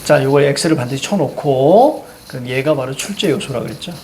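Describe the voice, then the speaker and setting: A man's voice: mid-range voice, expressive, moderate pace, a little mellow, a little hiss or hum. A man teaching a Korean reading class, walking students through a text and checking their understanding with short prompts. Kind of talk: classroom lecture.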